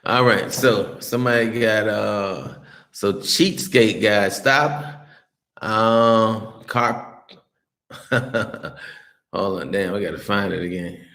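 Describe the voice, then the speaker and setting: Speaking slowly in a fairly low, slightly bright voice, an American streamer reads his chat aloud and fires back blunt answers. He swears plenty and keeps restarting sentences, and the recording has a roomy echo.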